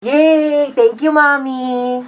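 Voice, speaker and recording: A woman's voice: sits high, steady tone, drawn-out words. A woman voicing a whiny little girl begging her mother for toys. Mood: pleading. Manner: whining, pleading.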